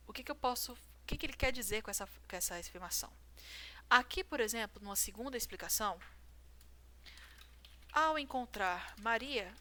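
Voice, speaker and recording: With a sharp tone and a voice on the high side, this writing teacher breaks down grammar rules for a viewer through examples. She often pauses to ask "certo?", meaning "right?".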